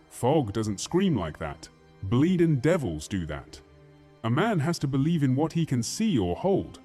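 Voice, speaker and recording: A man with a mid-range, slightly breathy voice plays a brash, foul-mouthed, battle-hardened soldier in a fantasy audio drama. His manner is crude and forceful.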